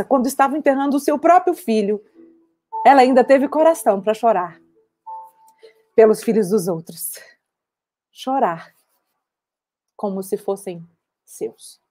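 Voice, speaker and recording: An actress playing an older woman war veteran who recounts her memories in a measured, reflective dramatic monologue. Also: on the high side, warm tone.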